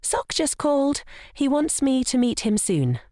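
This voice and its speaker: Sly young daughter, high sugary mockery, put on by a female narrator, mellow tone. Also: very animated, a little slow, dry recording, clean studio sound. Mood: sweetly sarcastic. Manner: sweetly mocking.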